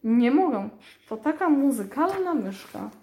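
Woman voicing a timid young tomcat, tearful, plaintive, pitched up high, roomy storybook audio. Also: big pitch swings, measured pace, warm tone, exaggerated voice. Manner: plaintive, pleading.

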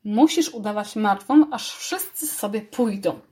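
A woman's voice: mid-range voice, expressive, measured pace, mellow, lightly acted. A woman reading a storybook aloud and voicing a firm, bossy, clever schoolgirl. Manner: firm, commanding.

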